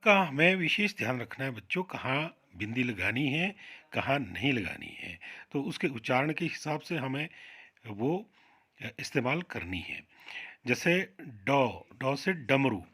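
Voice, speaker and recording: A man teaching a Hindi grammar lesson to children, sounding out each example word slowly and with emphasis. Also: a little high, pushed and bright. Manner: slow, drawn-out, emphatic pronunciation of example words; addresses children directly.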